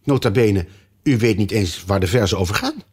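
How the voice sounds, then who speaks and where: A man's voice: fairly low pitch, animated, a little fast, slightly rough. A man voicing a sensible, outspoken young girl in a storybook reading, speaking plainly and firmly.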